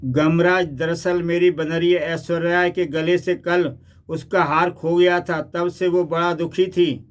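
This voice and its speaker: Pleading street performer, read by a man, high voice, slow. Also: flat delivery, lightly acted. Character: poor male street monkey-trainer, pleading.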